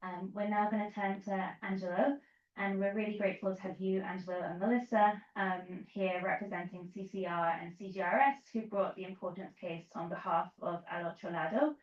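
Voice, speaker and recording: A woman's voice: medium pitch, steady tone, a little fast. A woman moderates a panel and asks polite questions with a few fillers. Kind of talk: hosting a panel discussion. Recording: echoey, distant, dull sound.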